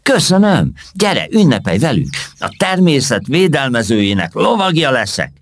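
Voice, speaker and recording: A man's voice: mid-range voice, very animated, dry recording, pitched above the performer's own voice. A man doing an eager, flustered young boy.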